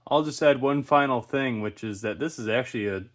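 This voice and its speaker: Speaking briskly at a medium pitch, a man hosts a vintage electronics inspection video, thinking aloud in casual, rambling, unscripted commentary.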